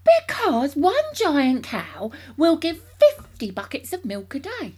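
Woman playing a loud, wildly excited storybook dad. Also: high voice, slow, pitched above the performer's own voice, full character voice. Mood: triumphant, worked up. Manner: exclamatory, emphatic, impatient. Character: wildly excited, bossy father, ranting with grand schemes. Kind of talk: children's storybook character voice.

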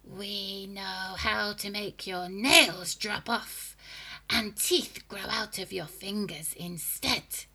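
A woman voicing a nasty old grandmother, a menacing witchlike hag with a high, creaky, whispery and throaty voice, who talks slowly and gloats over every word. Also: pushed and bright, heavily acted. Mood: sinister whisper. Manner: slow, gloating, relishing each word.

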